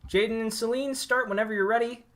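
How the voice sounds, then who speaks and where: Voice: mid-range voice, fairly even intonation, fast. A livestream host rambling through technical setup with lots of fillers before running an improv game. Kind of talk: casual livestream hosting.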